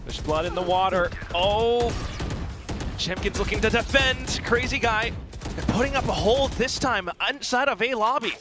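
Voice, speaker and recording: A man giving live play-by-play as an esports caster, excitable and dramatic. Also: high voice, normal speed, over music.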